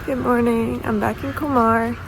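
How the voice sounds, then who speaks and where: A woman's voice: fairly high pitch, level tone, moderate pace, over music. A young woman vlogging on her phone, chatting casually and rambling about her trip. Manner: chatty, rambling, laughs now and then. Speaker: travel vlogger. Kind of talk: casual vlog narration. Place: indoors, small rented room. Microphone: phone camera.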